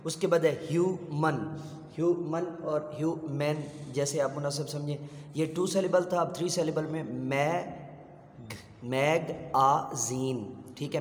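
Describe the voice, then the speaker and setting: A middle-aged male teacher slowly explains a kindergarten English textbook, switching between two languages, using many fillers and spelling words out letter by letter. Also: on the high side, darkish tone. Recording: echoey room with long reverb.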